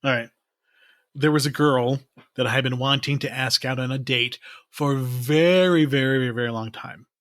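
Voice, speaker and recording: A man in his forties co-hosting a movie podcast in relaxed chat, rambling and laughing often. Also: medium pitch, no echo, studio quality. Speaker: podcast co-host. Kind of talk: casual chat.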